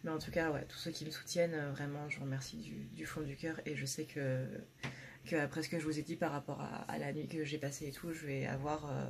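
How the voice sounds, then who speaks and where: A woman's voice: low voice, level tone, fairly quick, gravelly, background noise. A woman with a blunt manner, talking casually with many fillers and restarts as she gives a tarot reading for her channel. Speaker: tarot reader.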